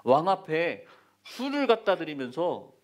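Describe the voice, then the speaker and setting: A man's voice: a little high, a little slow. A man preaching a sermon as a church pastor, telling the story with acted-out voices and urging his listeners again and again. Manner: lively storytelling, acting out voices of king and Nehemiah; repeated exhortations, dropping to a whisper at times.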